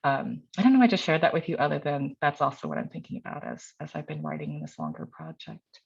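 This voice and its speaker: A middle-aged woman who is a poet and teacher reads her work, adding casual, self-deprecating introductory remarks. Her low voice is fast, creaky, slightly mellow and breathy-edged, with huge pitch swings, and the recording sounds dull and lo-fi.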